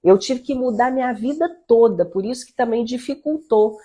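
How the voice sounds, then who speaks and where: Earnest husky-voiced woman teaching mothers. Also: a little high, moderate pace, dark tone. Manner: earnest, exhorting, quotes her own talks with her son. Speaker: leader of a mothers' prayer group. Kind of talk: informal devotional teaching. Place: at home.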